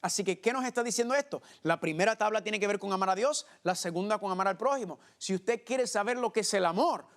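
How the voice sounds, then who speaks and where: A man's voice: high voice, fast talker, few pauses, fairly bright tone. A man preaching a Bible teaching sermon, asking his listeners rhetorical questions and answering them himself, and often calling them family. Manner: keeps addressing listeners as family.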